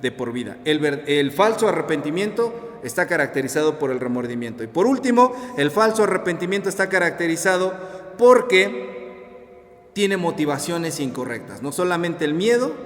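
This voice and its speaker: Animated Mexican preacher in an echoey hall. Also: male voice, fairly high pitch, moderate pace. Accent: Mexican Spanish. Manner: animated, acts out quoted voices, colloquial asides. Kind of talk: recorded sermon reflection. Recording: echoey hall with long reverb.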